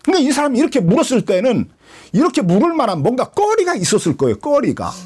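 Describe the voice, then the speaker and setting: A husky man, a pastor teaching the Bible in a sermon, who asks rhetorical questions and answers them himself. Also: extremely high pitch, wildly swooping pitch, fast, darkish tone.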